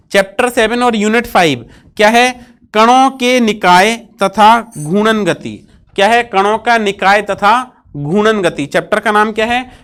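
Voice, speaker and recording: A woman teaching a physics lesson, with a smooth, resonant voice at a middle pitch. She goes over each item more than once. She asks the class questions and answers them herself, adding "ठीक है" checks along the way. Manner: fills pauses with "ठीक है" checks.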